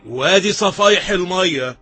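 A weary, simple water carrier with an Egyptian accent in a religious drama. His voice is high for a man, grumbling and bewildered, with music clearly behind it. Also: expressive, normal speed, sharp tone, exaggerated voice. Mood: resentful. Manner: complaining, bewildered. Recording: music under the voice.

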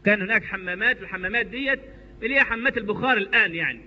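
A man's voice: high voice, racing. A man with an Egyptian accent preaching a sermon, telling stories animatedly with colloquial asides. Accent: Egyptian Arabic. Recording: echoey hall, dull lo-fi sound.

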